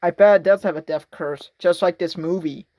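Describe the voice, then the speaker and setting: A man's voice: sits high, fairly even intonation, moderate pace, darkish tone, slight background noise. A young man giving casual, sarcastic commentary on a horror movie, rambling and mocking as he watches. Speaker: reaction video host.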